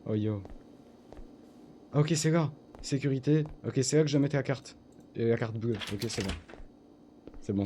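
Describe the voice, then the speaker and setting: A young man chats his way through a horror game on stream in loose slang, drifting from low mutters to sudden excited yelps. His voice sits mid-range but sounds mellow and dark. Faint game ambience hums behind him. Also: a little hiss or hum. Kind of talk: casual live-stream gameplay commentary.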